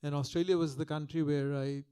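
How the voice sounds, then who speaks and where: Speaking reflectively from a podium mic, the older guest lecturer from Calcutta, India, frequently starts his sentences over in a soft, mellow, slightly raised voice. His pitch is on the high side and his delivery flat and brisk, with a clear, resonant tone.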